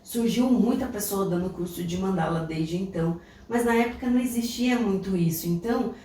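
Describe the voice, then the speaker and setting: Speaking briskly in a mellow, mid-range voice, this podcast co-host recounts something from her own life, thoughtful and relaxed. She has a Brazilian Portuguese accent, and the audio is echoey, distant-miked, and faintly noisy.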